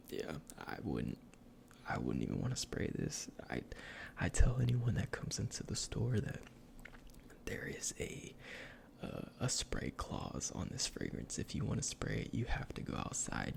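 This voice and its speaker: A man in a whispered role-play as a salesman, speaking in a breathy, gravelly whisper with informal, hesitant explanations. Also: on the low side, slight background noise. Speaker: ASMR performer playing a cologne salesman.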